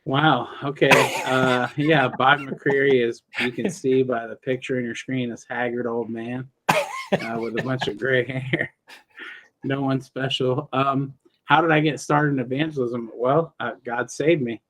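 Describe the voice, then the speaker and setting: A man's voice: medium pitch, steady tone, measured pace, fairly bright tone. Joking, self-deprecating male guest preacher. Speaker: guest, open-air preacher. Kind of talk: casual interview chat.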